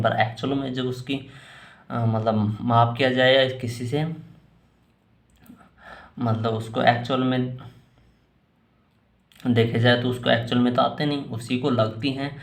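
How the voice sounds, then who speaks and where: Hindi-accented male teacher in an echoey room. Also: medium pitch. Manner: rambling, repeats and restarts phrases. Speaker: English teacher. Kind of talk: casual spoken lesson answering student questions.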